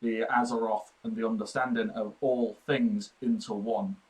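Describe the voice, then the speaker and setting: A man's voice: lowish voice, little pitch movement, normal speed, background noise. A man playing a tabletop role-playing game, chatting casually with a wry, wordy manner. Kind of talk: casual role-play chat.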